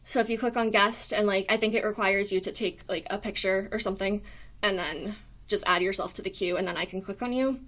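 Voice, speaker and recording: Young woman, thin weak voice, mid pitch, hesitant and apologetic casual livestream host. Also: brisk, a bit bright. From United States. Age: young adult. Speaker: live stream host. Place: small dorm room.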